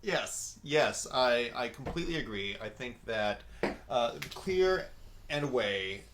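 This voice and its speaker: A man's voice: mid-range voice, lively intonation, takes it slowly, a bit bright, a little hiss or hum. A man co-hosting a drink tasting show. He speaks in a dry, wry way and moves the segment along. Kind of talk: casual tasting chat.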